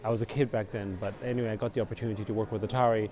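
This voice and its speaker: A middle-aged man from Austria, a company founder, answering interview questions in a relaxed, rambling way full of fillers. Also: lowish voice, racing. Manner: relaxed, rambling, many fillers like "you know" and "basically". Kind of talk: conversational interview. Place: outdoors at a busy conference venue. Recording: crowd chatter behind. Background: crowd noise.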